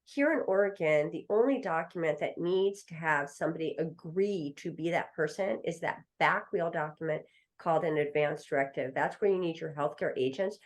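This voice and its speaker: A woman's voice: deep voice, moderate pace. A middle-aged woman, an attorney guest, telling a story in a podcast interview and acting out the voices of the people in it. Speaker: estate planning attorney guest.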